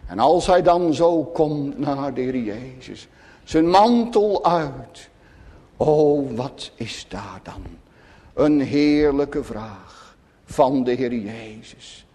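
A man preaching a sermon to his congregation, solemn and emphatic, often dropping to hushed tones. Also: mid-range voice, lively intonation, drawn-out words. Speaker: pastor. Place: church. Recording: long church reverb.

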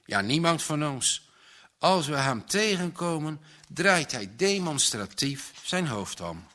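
A man reading out a gentle, devout young man in a storybook, earnest and confiding. His voice is bright, and the delivery is slow and unhurried. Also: fairly high pitch, sing-song, pitched above the performer's own voice, heavily acted.

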